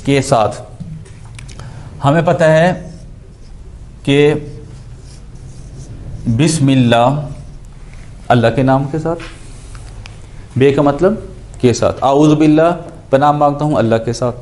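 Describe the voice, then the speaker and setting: A man's voice: on the high side, long pauses, a little mellow. A man teaching Quranic Arabic grammar, explaining each word and posing questions he then answers himself. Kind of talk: Urdu lecture on Quranic grammar.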